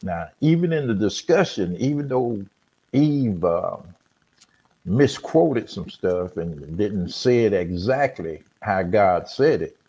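A man talks through scripture in an unhurried, conversational way, like a teacher. His voice sits low and comes across husky. He pauses often with fillers as he explains. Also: animated, warm tone. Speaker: podcast host. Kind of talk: casual Bible discussion.

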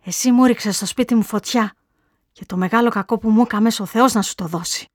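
A woman voicing a grieving mother who curses a sick young woman, speaking loudly and bitterly. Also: fairly low pitch, fairly even intonation, no room sound, studio quality, natural voice. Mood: bitter cursing. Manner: bitter, cursing, raised voice.

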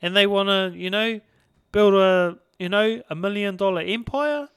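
A man's voice: sits high, normal speed, fairly bright tone, clear, resonant tone, no echo, studio quality. A man with a broad New Zealand accent in casual podcast chat, laid-back and colloquial as he hosts. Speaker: podcast host.

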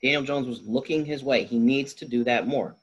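A man's voice: medium pitch, fairly quick, husky, highs cut off. A man co-hosting a sports podcast, chatting casually about football with wry jokes. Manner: joking, wry.

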